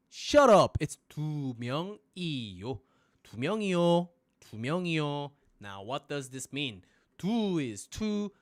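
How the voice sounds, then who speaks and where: A man teaching phrases in a live-streamed lesson, joking, swearing casually and making loud sound effects. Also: on the high side, dry recording. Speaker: Korean language teacher.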